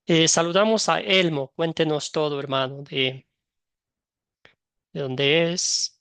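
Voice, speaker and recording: A man with a slightly high, steady voice moderates an online Bible class, speaking slowly and smoothly with no echo. He welcomes every student by name and gently guides them, calling on each in turn.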